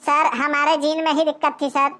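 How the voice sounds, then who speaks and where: A woman voicing a silly young male cartoon waiter who talks slowly and politely. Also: sits high, little pitch movement, fairly bright tone. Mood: drawling. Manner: slow, drawling and polite. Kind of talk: cartoon voice acting.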